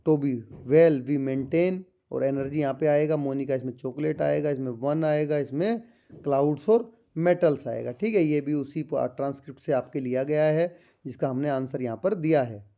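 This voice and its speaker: A man tutoring schoolchildren through a textbook chapter, reading lines slowly and explaining them. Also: a little high, vocal fry, dark tone. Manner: reads English lines slowly, explains in Hindi addressing children.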